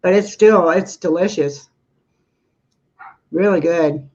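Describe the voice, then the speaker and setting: A woman co-hosting a home baking live stream chats in a relaxed, easygoing way. Her voice comes through a dull, lo-fi remote connection. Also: lowish voice, slow pace. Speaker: baking show co-host. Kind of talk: casual live-stream chat.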